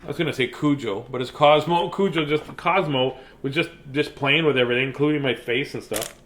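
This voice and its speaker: Reading stories aloud to children, this host keeps things playful and loose, frequently breaking off to remark on the book. He talks fairly quickly in a mid-range, somewhat bright voice, with slight background noise.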